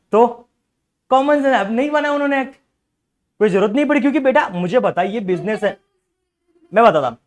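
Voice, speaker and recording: A young man teaching a commerce class, repeatedly quizzing students and coaxing them to ask doubts. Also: high-pitched. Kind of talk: classroom lecture.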